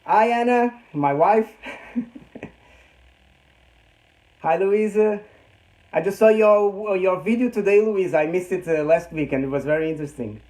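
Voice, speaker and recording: In his thirties and from Portugal, this man speaks English with a high, slightly mellow voice, full of pauses, fillers, and restarts, chuckling often. He's live-streaming a casual tour of his home print workshop in a small machine room.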